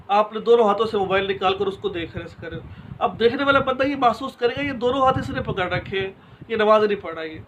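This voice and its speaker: Male religious teacher, high for a man, explains point by point with examples, talks straight to the audience, with a faint hiss underneath. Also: fairly bright tone, rough recording. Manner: explains step by step with examples and rhetorical questions; addresses listeners directly and informally. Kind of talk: instructional religious lesson.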